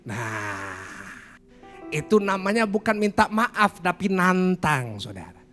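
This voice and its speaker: A middle-aged man preaching a livestreamed sermon, animated, acting out different tones of voice. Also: sits high, moderate pace, soft background music. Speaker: pastor.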